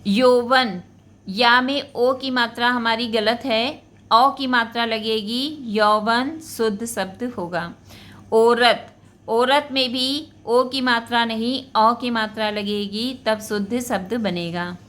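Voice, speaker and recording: A woman teacher talks through spelling corrections at a very unhurried pace. Her voice sits a little high and sounds bright. She names each word and says it again slowly before explaining what is wrong with it. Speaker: Hindi teacher. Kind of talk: spelling lesson for school students.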